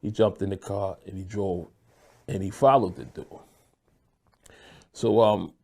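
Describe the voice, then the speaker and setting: Low, husky-voiced man telling a story. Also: fairly even intonation, a little slow, a little mellow. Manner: laid-back street storytelling, acts out dialogue. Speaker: interviewee. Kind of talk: storytelling interview.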